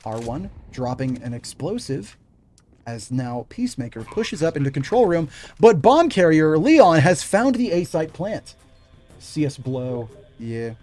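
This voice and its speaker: A man's voice: a little high, lively intonation, a little slow, warm tone, soft background music. A young man calling a live video game match play by play, breaking off to chat with viewers. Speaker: game commentator and streamer.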